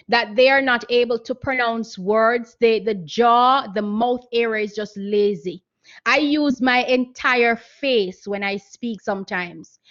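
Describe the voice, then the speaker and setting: A woman's voice: on the high side, fairly bright tone. A woman giving an earnest, instructive seminar talk on public speaking and voice training over a video call, often repeating her key points. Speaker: guest speaker. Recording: muffled video-call audio.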